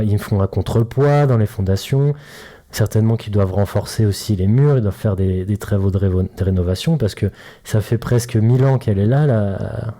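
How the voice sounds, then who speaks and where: Relaxed, mellow-voiced man. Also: fairly low pitch. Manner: chatty, jokey, addresses listener directly with analogies. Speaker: mobility coach and podcast host. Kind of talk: casual solo podcast talk.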